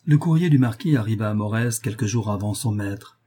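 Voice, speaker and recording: Male audiobook narrator, measured novel reading, mellow and husky. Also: fairly low pitch, expressive.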